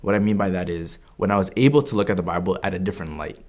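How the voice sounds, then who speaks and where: Speaking very fast in a low, darkish voice, this religious studies student from Canada, a man in his early twenties, gives a sincere, reflective personal testimony with many fillers and restarts.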